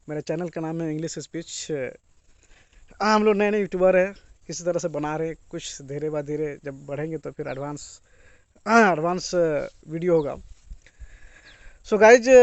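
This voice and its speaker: High-voiced man teaching English phrases. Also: no room sound. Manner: repetitive, slow when stating English phrases. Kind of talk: casual Hindi-English lesson.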